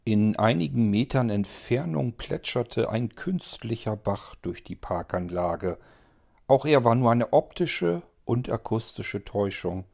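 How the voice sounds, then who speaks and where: Gravelly male audiobook narrator. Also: mid-range voice, expressive, a little slow, darkish tone. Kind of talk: first-person audiobook narration.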